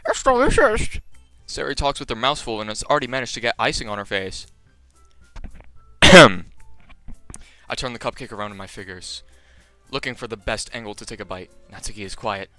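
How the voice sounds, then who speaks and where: On a live stream, a young man with a lowish voice reads a visual novel fairly quickly but pauses often. Soft background music plays as he stays animated and jokes with his chat between lines.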